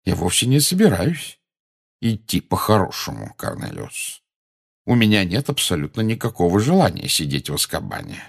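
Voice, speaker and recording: A man voicing a calm, genial old wizard who speaks slowly and with quiet amusement. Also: lowish voice, creaky, husky, heavily acted. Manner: slow, unhurried, gently amused.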